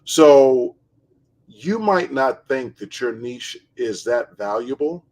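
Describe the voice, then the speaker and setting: A man with a mid-range voice hosts a casual interview. He speaks in a measured, reflective way as he puts questions to his guest. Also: mid-range voice, lively intonation, a little mellow, low-quality recording. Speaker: show host, basketball trainer.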